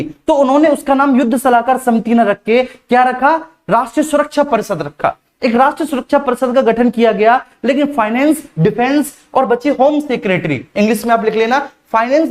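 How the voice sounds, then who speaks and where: A male teacher giving a live online class, speaking slowly and deliberately, repeating key points and calling his students "beta". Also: very high-pitched. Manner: slow, deliberate delivery.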